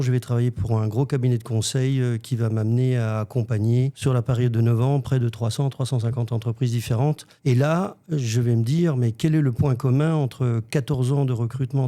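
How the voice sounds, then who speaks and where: A man in his fifties, a guest coach who grew up in Africa, recounts his path in a measured way. He builds his points in lists, and his mid-pitched voice sounds warm and mellow. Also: fairly even intonation. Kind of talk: interview answers.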